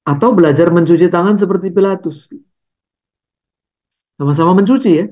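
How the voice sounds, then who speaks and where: A man's voice: high-pitched, a little fast, darkish tone, muffled recording. A man preaching a conversational sermon over slides, tagging his phrases with "ya" and "gitu".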